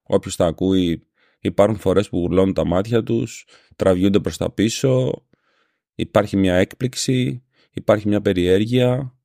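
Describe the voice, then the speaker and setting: A man's voice: on the low side, gravelly, warm tone, dry recording, clean studio sound. A man from Greece with a Syros island accent, hosting a casual monologue podcast, a little ill and grumbling, telling a story sarcastically. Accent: Syros island Greek. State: slightly ill. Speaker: podcast host. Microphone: home podcast microphone.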